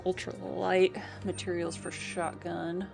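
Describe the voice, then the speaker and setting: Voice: medium pitch, flat delivery, slow, vocal fry, music in the background. A streamer chatting casually and sarcastically over gameplay.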